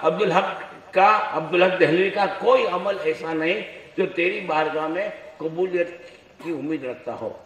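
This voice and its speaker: A man's voice: high voice, moderate pace. A man giving a fiery, combative sermon, firing rhetorical questions at the crowd and building to impassioned declaiming. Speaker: Islamic preacher. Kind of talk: polemical sermon. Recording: echoey hall with long reverb.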